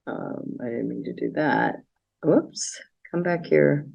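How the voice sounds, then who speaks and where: A woman's voice: low-pitched, slow pace, vocal fry, slightly rough, muffled recording. A woman giving a casual, chatty slideshow talk about a trip, wandering from point to point with plenty of fillers. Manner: chatty, meandering, with many fillers. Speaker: presenter of a travel slideshow. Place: library meeting room.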